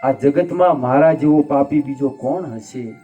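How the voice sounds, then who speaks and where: A man's voice: medium pitch, measured pace, mellow, slightly rough, muffled recording, soft background music. A man voicing grieving prince Bharat. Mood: anguished. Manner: impassioned, tearful pleading. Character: young prince Bharat, grieving and self-reproaching.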